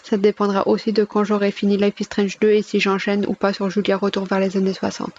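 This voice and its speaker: Woman chatting about her channel plans, kinda monotone, muffled home recording with a faint hum. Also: medium pitch, a little fast. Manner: chatty, self-correcting, steady delivery. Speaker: gaming YouTuber. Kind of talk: casual channel update. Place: at home, alone.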